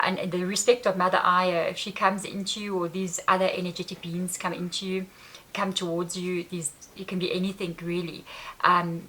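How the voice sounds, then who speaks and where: A woman's voice: lowish voice, a bit bright, low-quality recording. A woman earnestly telling a personal story to camera in a rambling, repetitive way. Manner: earnest, rambling, repeats herself. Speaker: spiritual vlogger.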